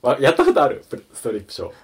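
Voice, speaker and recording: A man's voice: medium pitch, wildly swooping pitch, rapid-fire, husky. A man co-hosting a podcast in casual chat, laughing between phrases. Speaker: podcast co-host.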